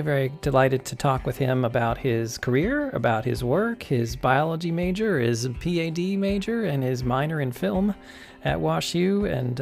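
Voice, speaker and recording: A man's voice: medium pitch, vocal fry. A man hosting an interview podcast, friendly and chatty, with frequent fillers and restarts. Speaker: podcast host.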